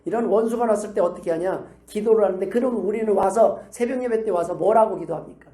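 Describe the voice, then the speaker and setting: A middle-aged woman pastor preaching a sermon in a lively way, acting out the quoted lines of the people in her stories. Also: mid-range voice, fast talker. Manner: animated, acts out quoted dialogue in shifting voices. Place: church hall. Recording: echoey room.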